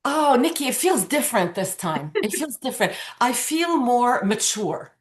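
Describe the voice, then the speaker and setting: A woman's voice: a little high, sing-song, normal speed. Bubbly woman guest, born in Lebanon. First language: Arabic. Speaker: guest, pageant titleholder. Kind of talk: casual interview conversation.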